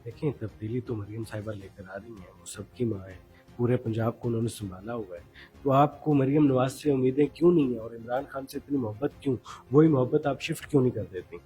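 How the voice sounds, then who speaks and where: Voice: medium pitch, warm tone, faint music behind. An interviewer asking probing, challenging questions in a political interview.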